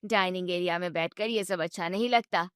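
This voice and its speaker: A woman's voice: lowish voice, a little fast, fairly bright tone, clean tone, no room sound, studio quality, pitched below the performer's own voice, lightly acted. A woman voicing a bossy mother-in-law who scolds her daughter-in-law sharply. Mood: scolding.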